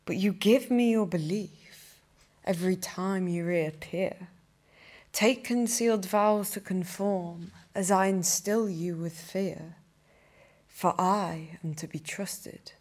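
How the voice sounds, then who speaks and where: A young woman, a poet, reading her own poems aloud in a cathedral with slow, measured delivery. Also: lowish voice, darkish tone. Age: young adult. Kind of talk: poetry reading.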